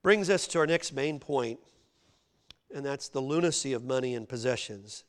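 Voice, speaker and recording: A man preaching a sermon, dropping to quiet low passages and then rising loud and emphatic. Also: moderate pace.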